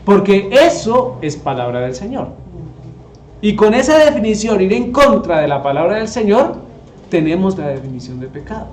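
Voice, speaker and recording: A man's voice: sits high, sing-song, normal speed, a little mellow, slight background noise. Man teaching the Bible in an echoey room. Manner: asks the audience rhetorical questions.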